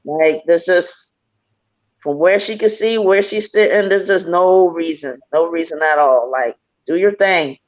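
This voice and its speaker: A woman medium speaking gently during a live spiritual reading. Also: lowish voice, unhurried. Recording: dull lo-fi audio.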